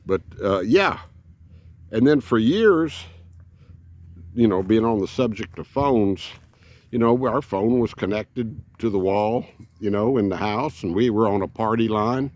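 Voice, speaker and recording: A man's voice: on the low side, measured pace, darkish tone. A man, telling rambling folksy stories as an RV vlogger. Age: 70s. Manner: rambling, folksy, many fillers. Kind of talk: casual storytelling.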